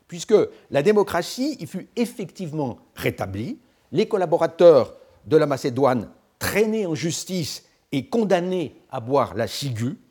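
Older male lecturer, mellow husky voice, lively intonation, halting formal delivery. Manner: measured, lively pitch with frequent hesitations. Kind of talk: academic history lecture.

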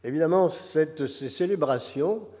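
An older man with a Quebec French accent gives an academic lecture, his voice hoarse and nasal from a cold, halting as he searches for phrasing. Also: fairly high pitch, dark tone. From Quebec, Canada. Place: large reverberant lecture hall. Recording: muffled, very reverberant lecture hall.

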